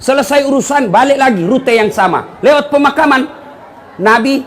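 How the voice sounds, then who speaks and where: High-voiced man preaching with jokes. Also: normal speed. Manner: jokey, animated storytelling with asides to the audience. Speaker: Islamic preacher. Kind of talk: humorous sermon to a congregation.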